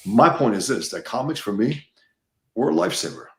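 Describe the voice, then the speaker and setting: A man's voice: medium pitch, big pitch swings, a little fast, vocal fry, roomy sound. A man from the United States, a guest in a casual conversation, talking emphatically and repeating words as he gets worked up.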